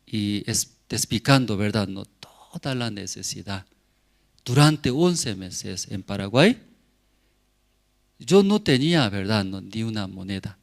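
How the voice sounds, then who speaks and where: A man in his forties, a pastor, giving a sermon testimony in halting speech with frequent asides to the congregation. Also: lowish voice, animated, gravelly. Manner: slow, halting non-native Spanish with many asides to the congregation.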